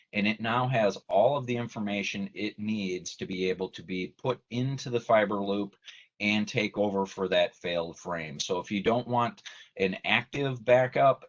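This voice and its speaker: In an online video meeting, a lowish-voiced man working as a company technical trainer gives a measured, methodical explanation. His webinar presentation is semi-scripted, heard through dull, lo-fi call audio.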